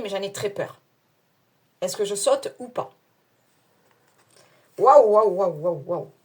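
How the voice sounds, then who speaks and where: A woman with a somewhat high, breathy voice and a non-standard French accent reads tarot cards for her viewers. She's chatty and hesitant, filling her speech with fillers and laughing at herself.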